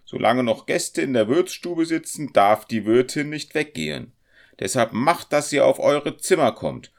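A man voicing a stern, grim female innkeeper in a storybook reading, sharp and scolding. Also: mid-range voice, sing-song, a little slow, voice pushed up.

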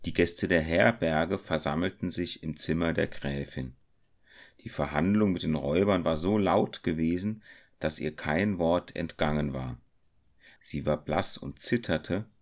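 Slow gravelly male storyteller. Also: very deep voice. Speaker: narrator. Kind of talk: reading a story aloud.

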